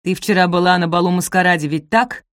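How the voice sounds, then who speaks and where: A woman's voice: fairly low pitch, fairly even intonation, fast, dry recording, natural voice. A woman voicing a cold, cruel middle-aged stepmother who hisses her orders with contempt, in a dry close recording. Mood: cold, scornful. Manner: hissing, icy, commanding.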